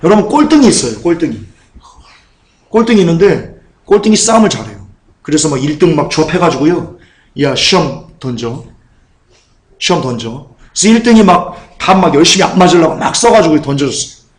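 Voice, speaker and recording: A man pastor delivers a sermon in a church sanctuary. His voice sits a little high, and the room adds a roomy echo. He talks in a conversational way, circling back to repeat his point and asking the listeners questions. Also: big pitch swings, fast talker. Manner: conversational, repeats phrases, asks the congregation questions.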